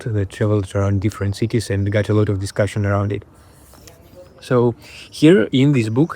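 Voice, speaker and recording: A man from Belarus with a Belarusian accent talks casually to camera as a creator, pausing and repeating phrases while he searches for words. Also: lowish voice, a little mellow. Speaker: video creator and host.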